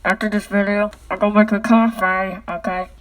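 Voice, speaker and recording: A woman with a mid-range voice speaks fairly quickly and flatly on a low-quality recording. She's vlogging casually into her phone at home, rambling through a cardboard tube and closing almost every sentence with a questioning "okay?".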